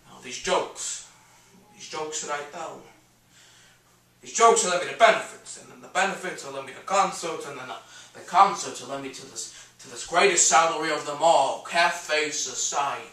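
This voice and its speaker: Speaking a little high at a moderate pace with a sharp tone, a man delivers a theatrical one-man monologue in the role of a brash, cantankerous comedian-painter of middle age. He stammers and alternates muttering with bellowing through nostalgic storytelling, heard via a distant microphone in an echoey room.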